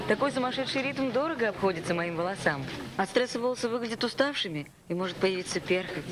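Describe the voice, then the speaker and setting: Busy TV newswoman played by an actress, rapid commercial testimonial, noisy recording. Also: medium pitch, lightly acted. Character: busy female live TV news presenter.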